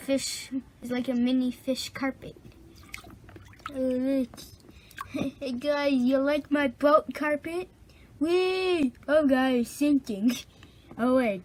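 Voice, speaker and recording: A woman's voice: high voice, steady tone, takes it slowly, darkish tone, a little hiss or hum. A woman narrating her bath toy play for kids in a playful, casual way, making little bloop and quack sounds. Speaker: toy video host.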